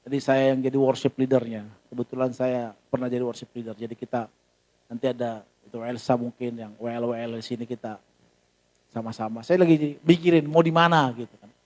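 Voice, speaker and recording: A man preaching as a pastor at a church service, in a lively conversational way with jokes and acted asides. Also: medium pitch, a little fast. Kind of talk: sermon. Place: church hall.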